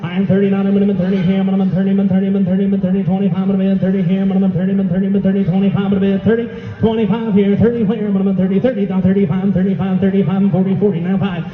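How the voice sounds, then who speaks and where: A man working as auctioneer, calling bids in a rapid rhythmic chant full of repeated numbers. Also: high-pitched, flat delivery, echoey room, in a large hall, narrow, tinny audio. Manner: rhythmic repetitive bid calling. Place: auction hall.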